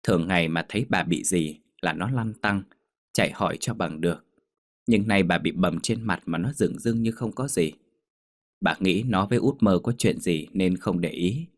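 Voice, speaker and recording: A man narrating a ghost story in a steady, measured way. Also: deep voice, no echo, studio quality.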